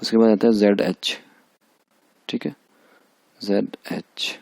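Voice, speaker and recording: एक पुरुष शिक्षक, पाकिस्तानी उर्दू लहजे में, जो शब्दों की ध्वनियाँ बार-बार दोहराकर धैर्य से अभ्यास करवाते हैं।. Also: male voice, lowish voice, level tone, slow, gravelly, darkish tone, dry recording. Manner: repeats each sound many times, patient and drilling. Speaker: language teacher. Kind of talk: recorded language lecture over slides.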